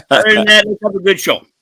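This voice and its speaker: A man's voice: high-pitched, sharp tone, no echo. A man in his seventies, a regular panelist, bantering and teasing on a casual podcast. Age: 70s. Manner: teasing, laughing, gruff banter.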